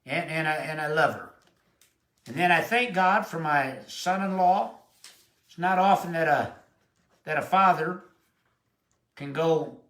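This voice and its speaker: A man, preaching a sermon with emphatic, emotional delivery and drawn-out quotes. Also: on the high side, a bit bright. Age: 70s. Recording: echoey room.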